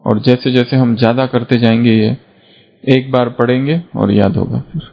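A man's voice: medium pitch, steady tone, normal speed, vocal fry. A man giving an earnest, instructive spiritual talk, repeating points and telling stories to make them. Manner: earnest, repetitive, storytelling. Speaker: spiritual teacher. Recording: dull lo-fi recording.

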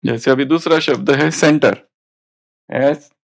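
A man's voice: medium pitch, slow, vocal fry, slight background noise. A man teaching a spiritual study class, explaining points and prompting students to read aloud.

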